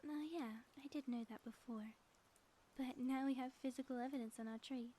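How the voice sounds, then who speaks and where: This woman's high, mellow voice carries a fond, teasing mood as she acts the part of a sappy yet theatrical ex-villain wife in intimate ASMR audio. Breathy and teasing, she drifts toward whispers against faint background noise. She keeps a steady tone at normal speed, with light acting.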